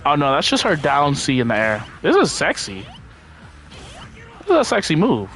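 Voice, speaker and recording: A man giving casual gameplay commentary in a laid-back, slangy, profane way, rambling and thinking out loud as he plays. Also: a little high, huge pitch swings, normal speed, soft background music. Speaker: game streamer.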